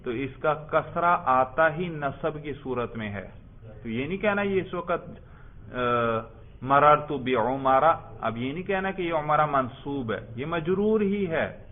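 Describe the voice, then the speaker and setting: A man's voice: a little high, lively intonation. A man teaching an Arabic grammar lesson who keeps asking his students questions and has them repeat the forms. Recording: tinny phone-like recording.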